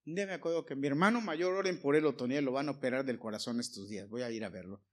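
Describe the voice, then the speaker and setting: A man's voice: medium pitch, fast talker. A man preaching a sermon, telling anecdotes with quoted dialogue and direct asides to the congregation.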